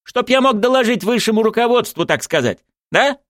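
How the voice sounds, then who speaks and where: A man's voice: extremely high pitch, expressive, brisk, fairly bright tone, no echo, studio quality, pitched above the performer's own voice. A man doing a fussy pompous police sergeant. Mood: officious. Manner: wordy, officious, pompous.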